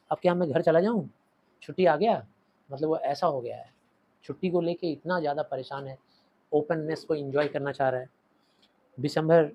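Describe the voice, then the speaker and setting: A man teaching a short story in Hindi, reading English lines with an Indian accent and acting out quoted lines before dropping to quiet asides. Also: on the high side, poor audio. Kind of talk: explaining a story in Hindi lecture.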